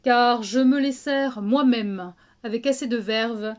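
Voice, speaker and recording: A woman playing a proud, witty swordsman in hammy, declamatory theatrical verse, drawing out her words. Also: fairly high pitch. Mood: scornful, proud. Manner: hammy stage acting, declamatory, with drawn-out words. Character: proud, witty swordsman Cyrano mocking an insult with flourish. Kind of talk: theatrical recitation of classic French verse monologue.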